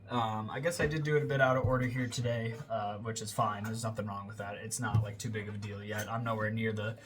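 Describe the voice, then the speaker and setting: A man's voice: fairly low pitch, fairly even intonation, fast, slight background noise. A young American man with a congested nose, giving a rambling casual voiceover about his workout, full of fillers and self-corrections. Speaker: fitness vlogger. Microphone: close voiceover mic.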